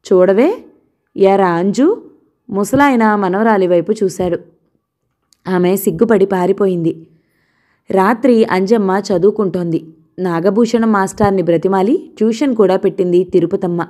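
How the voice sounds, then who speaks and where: Woman storyteller, warm mellow tone, steady narration. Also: mid-range voice, normal speed.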